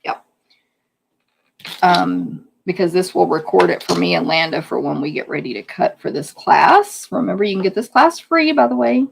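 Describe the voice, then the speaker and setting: A woman with a hoarse voice, chatting casually as she demonstrates a card-making project step by step. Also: lowish voice, lively intonation, normal speed, a little hiss or hum. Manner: chatty, hands-on explaining while working. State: losing her voice. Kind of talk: live craft demonstration.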